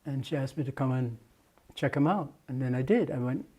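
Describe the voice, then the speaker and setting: A man's voice: mid-range voice, fairly quick, warm tone, breathy edge. An older man from Jamaica, a muralist, recalling his past at length in an oral history interview, with many restarts and fillers.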